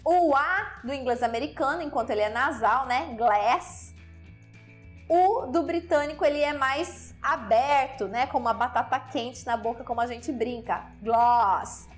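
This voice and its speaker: A Brazilian woman who teaches English, speaking to viewers in a lively, chatty way. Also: high voice, moderate pace, hardly any pauses, faint music behind. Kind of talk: explaining to viewers.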